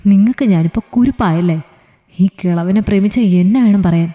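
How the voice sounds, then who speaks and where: A woman's voice: mid-range voice, a little fast, warm tone, natural voice. A woman storyteller voicing a strict young woman who scolds and teases her fiancé. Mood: scolding. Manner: scolding, teasing. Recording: reverberant echoey room.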